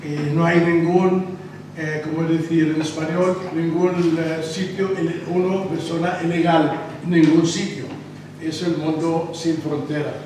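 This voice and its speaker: Hombre palestino dando un discurso en una sala con eco. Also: male voice, on the high side, flat delivery. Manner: halting, searching for words. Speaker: local election candidate. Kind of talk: after-dinner speech. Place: restaurant dining hall. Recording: echoey room from far off, noisy.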